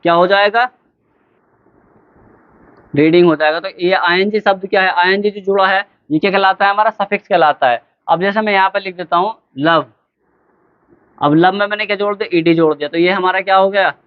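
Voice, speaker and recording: A male teacher with a high, clear, smooth voice walks students through a grammar lesson. He quizzes them, answers his own questions, and spells words out slowly letter by letter. The recording is thin and tinny, like a phone line. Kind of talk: classroom lesson.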